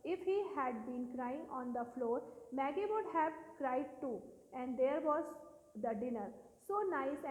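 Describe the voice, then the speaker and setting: High-voiced Indian English woman teacher, echoey room. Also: a little mellow. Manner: reads English slowly, then explains rapidly in Hindi. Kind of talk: reading a textbook chapter and explaining it. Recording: echoey room with long reverb.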